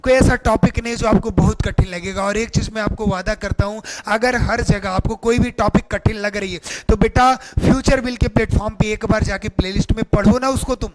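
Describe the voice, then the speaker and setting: पुरुष अंग्रेज़ी व्याकरण शिक्षक, ऊँची आवाज़, शब्द खींचकर बोलता है, खुद सवाल पूछकर जवाब देता है. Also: male voice, high voice, steady tone, slight background noise. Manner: sing-song, drawn-out teaching delivery, calls viewers beta; asks rhetorical questions and answers them himself. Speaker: English grammar teacher. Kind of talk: online exam-prep lesson.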